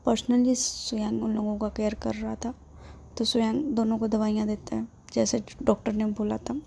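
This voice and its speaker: Woman storyteller, casual narration, fairly high voice, raspy, flat pitch. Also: normal speed, slight background noise. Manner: relaxed retelling with fillers and English words. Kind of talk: casual narration retelling a drama.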